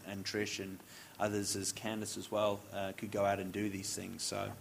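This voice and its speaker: A man's voice: lowish voice, monotone, moderate pace, gravelly. A man interviewing a guest pastor, affirming and encouraging as he asks about the guest's background. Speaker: church interviewer. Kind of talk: casual interview.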